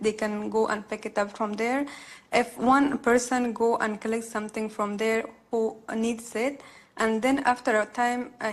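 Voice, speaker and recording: A woman from Pakistan calling in to a live show to put a religious question. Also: fairly high pitch. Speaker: caller asking a question.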